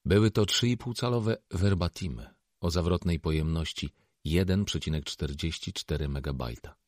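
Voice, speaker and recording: An audiobook narrator reads a novel aloud in scripted, measured, steady narration. His very low voice has a husky grain, captured close and dry without any room sound.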